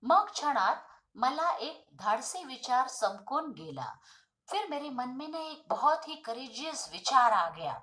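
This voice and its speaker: A woman tutor explaining a school lesson. She reads each line, then explains it simply in an animated storytelling way. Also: high voice, measured pace.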